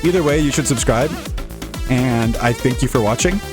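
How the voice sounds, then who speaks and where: A man's voice: medium pitch, moderate pace, music in the background. A young man giving casual, jokey, rambling commentary while playing a video game. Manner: rambling, jokey, laughs often. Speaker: gaming YouTuber.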